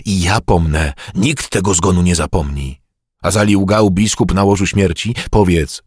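A man's voice: deep voice, normal speed, darkish tone, husky, no echo, clean studio sound. A man voicing a hot-tempered medieval monk who preaches and condemns with passion. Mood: fervent.

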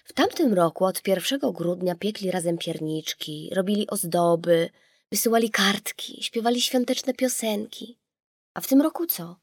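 A woman narrating a children's audiobook in a measured, expressive storytelling manner, recorded in a studio. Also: medium pitch, dry recording.

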